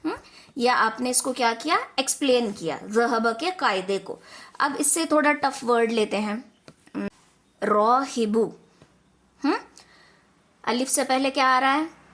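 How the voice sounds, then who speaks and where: A woman with a fairly high voice leads an online class for children. She explains patiently step by step and keeps checking in with her students over a video call. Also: measured pace, long pauses, fairly bright tone. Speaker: online Quran teacher for children.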